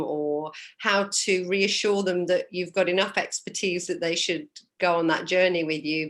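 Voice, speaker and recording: Woman host, low voice, probing, restarts her sentences, coaching panel chat. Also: a bit bright. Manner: probing, repeats words when starting a thought. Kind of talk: casual panel discussion.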